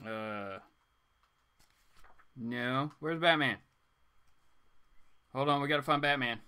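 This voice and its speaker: Hosting a casual comics livestream, a man rambles informally and turns theatrical for dramatic read-alouds. His medium-pitched voice is slow, pushed, and bright, with a clear, resonant tone.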